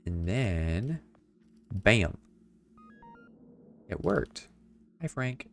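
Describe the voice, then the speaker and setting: A man streaming a video game, reading clues aloud and making wry, deadpan quips. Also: fairly low pitch, drawn-out words, creaky, faint music behind. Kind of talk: casual gameplay commentary.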